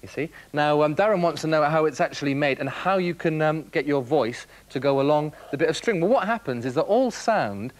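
A young man presenting a children's TV programme, explaining things to young viewers in a jokey, lively way. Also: a little high, a little fast, few pauses.

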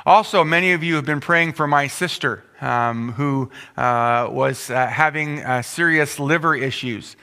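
A middle-aged man, a pastor, giving prayer announcements from a church pulpit in an earnest, halting way with many filler pauses. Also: medium pitch, sharp tone, clean tone. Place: church sanctuary stage at a pulpit. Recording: long reverb of a church hall.

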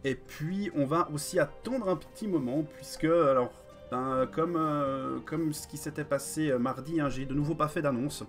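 A man's voice: on the high side, normal speed, faint music behind. A man hosting a live strategy game stream, talking with many fillers and greeting viewers in chat.

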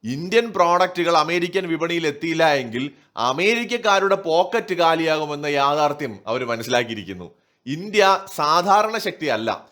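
Voicing strong political opinions as an online news commentator, this man has a fairly high, slightly bright voice. His style is forceful and rhetorical, raising his own questions only to answer them.

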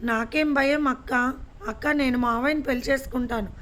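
A woman's voice: sits high, steady tone, fairly quick, a bit bright. A woman voicing a stubborn, lovesick young woman in a storybook reading, speaking insistently. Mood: angry.

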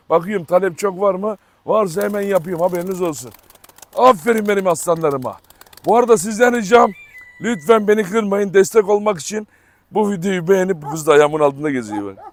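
A man vlogging outdoors on a farm, chatting to viewers and coaxing his dog to come. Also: high-pitched. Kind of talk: casual chat to camera.

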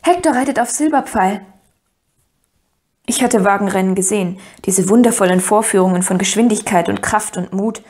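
A woman narrating a first-person audiobook in an even storytelling manner. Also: mid-range voice.

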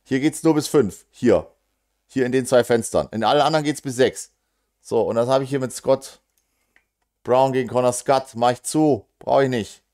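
This German darts commentator has a medium-pitched, somewhat dark voice. Calling the action live, he jokes casually, groans over near misses, and rattles off quick asides straight to his listeners.

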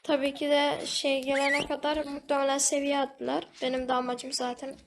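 A woman's voice: sits high, monotone, normal speed, noisy background. A woman giving casual, chatty commentary over her gameplay, talking to the game animal and to her viewers. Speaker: gaming video host.

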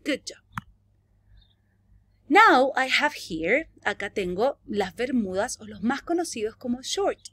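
A young adult woman with a Chilean Spanish accent, teaching a virtual English lesson to young children and drawing out each model phrase slowly. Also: no room sound. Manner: slow, drawn-out model phrases with lively pitch swings.

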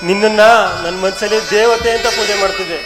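A man playing an elder brother torn between pride and grief, declaiming his lines with bitterness in a fairly high voice. The live stage recording is roomy, and loud music plays underneath. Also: fairly even intonation, fast, lightly acted. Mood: bitter grief. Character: anguished elder brother, proud and wounded. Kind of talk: village stage drama acting.

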